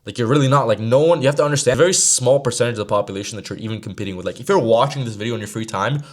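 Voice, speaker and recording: Brash fast-talking young man. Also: medium pitch. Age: about 20. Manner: brash, slangy, straight-talking. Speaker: sales mentor. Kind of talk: motivational talk to camera.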